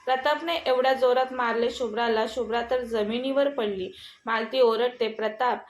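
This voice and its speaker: A woman narrating a dramatic family story in a steady reading voice. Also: fairly high pitch, moderate pace, slight background noise. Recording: echoey room.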